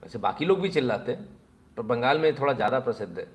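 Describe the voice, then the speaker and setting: A man giving sarcastic news commentary in an animated voice, and he often speaks directly to the people he criticises. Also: mid-range voice, fast talker. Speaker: political commentator.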